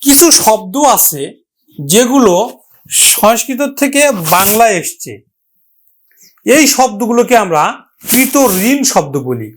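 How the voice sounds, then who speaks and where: A teacher gives a pronunciation lesson at a medium pitch. Each example word is drawn out slowly and said again and again. The teacher keeps asking the listener questions and then answers them. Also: big pitch swings. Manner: drawn-out, careful sounding of example words.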